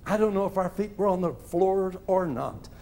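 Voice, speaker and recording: A man preaching a testimony as a story, animated, with stammered repeats and chuckling asides. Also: high-pitched, normal speed, a little hiss or hum.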